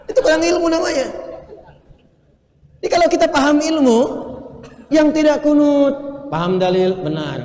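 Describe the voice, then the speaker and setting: A man preaching a lively sermon to a live audience, quizzing the listeners and chanting Arabic phrases. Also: very high-pitched, normal speed, pauses often. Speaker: Islamic preacher. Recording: echoey hall, faint ambience.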